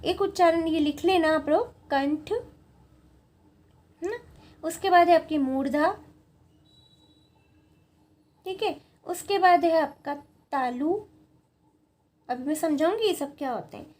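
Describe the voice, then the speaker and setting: A woman with a notably high voice teaches a grammar class at a board. She talks patiently, repeating points and checking in with the students. Her delivery sounds like a lesson that is walked through step by step. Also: takes it slowly, pauses often, darkish tone. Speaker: Sanskrit teacher.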